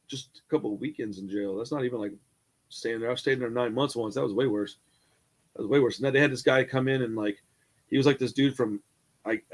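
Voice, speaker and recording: A man telling a rambling jail story on a casual hangout show, swearing freely and acting out the people in it. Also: medium pitch. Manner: animated, profane, acts out the people in his stories. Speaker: podcast co-host.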